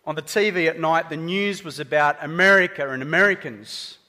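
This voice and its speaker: An Australian man delivers a sermon in a church hall full of echo, talking with the congregation in a relaxed, chatty way. His voice is on the high side and a little fast, with a bright, forceful tone.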